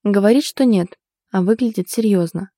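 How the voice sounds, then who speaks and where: A woman's voice: mid-range voice, normal speed, mellow, dry recording, studio quality, lightly acted. A woman voicing a blunt young woman who swears and gossips, a hapless cook who grumbles at her own mistakes, in an audiobook. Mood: worried. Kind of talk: audiobook character voice.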